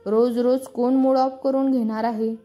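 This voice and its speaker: A woman's voice: on the high side, little pitch movement, unhurried, dark tone, faint music behind, lightly acted. A woman voicing an irritated young woman bank clerk who grumbles about her boss. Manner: grumbling, sulky complaints.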